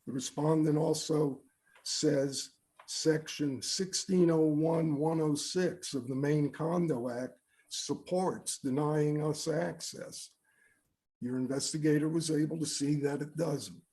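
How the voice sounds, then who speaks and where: A man's voice: fairly high pitch, steady tone, takes it slowly, dark tone. A man reading his prepared statement aloud from notes as the complainant at a public hearing. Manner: reads steadily from notes.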